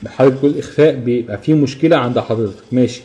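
A man with an Egyptian Arabic accent teaching a tajweed lesson at a quick clip. His tone is mellow and dark. He explains step by step, keeps checking in with the class and drags out each example as he chants it. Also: mid-range voice. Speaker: Quran recitation teacher. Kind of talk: live online tajweed lesson.

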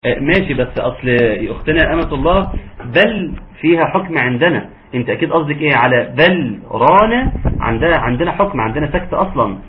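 A man with an Egyptian accent teaching a tajweed lesson, patient and encouraging, sometimes slowing into drawn-out recitation. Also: a little high, lively intonation. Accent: Egyptian Arabic. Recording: narrow phone-like audio, faint hiss.

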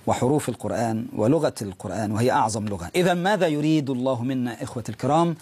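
A man hosting a Quran lesson, preaching fervently and repeating phrases for emphasis, with a husky voice. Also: mid-range voice, racing, darkish tone. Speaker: host of a Quran teaching program. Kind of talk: preaching exhortation.

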